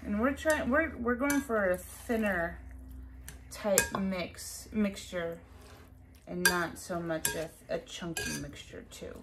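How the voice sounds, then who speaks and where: A woman's voice: on the low side, slow, background noise. A woman hosting a casual home cooking tutorial, chatty and instructive as she guides a helper step by step. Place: home kitchen. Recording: kitchen clatter of dishes and utensils. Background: clinking dishes and cutlery.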